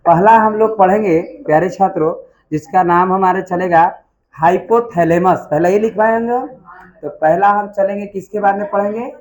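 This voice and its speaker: A man's voice: high voice, fairly even intonation, normal speed, a little mellow, low-quality recording. A man teaching a biology class, quizzing students and repeating key terms in a call-and-response style.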